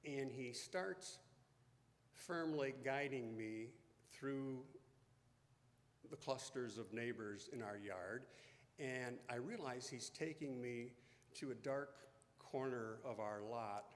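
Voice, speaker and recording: Fifty-something pastor telling a story real slow, reverby church hall. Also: male voice, mid-range voice. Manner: slow, deliberate storytelling, hushed at emotional points. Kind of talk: sermon storytelling. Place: church sanctuary.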